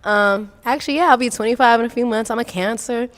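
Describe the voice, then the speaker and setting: A woman in her twenties from Arizona, introducing herself on a dating show in a relaxed, playful way. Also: fairly high pitch, fast talker, long reverb tail, a little hiss or hum. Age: 20s. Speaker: contestant.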